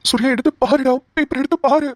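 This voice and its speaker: A woman's voice: sits high, quick pace, over music, close to an everyday voice. A woman voicing an anxious young man who stammers with urgency in a cartoon. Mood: urgent.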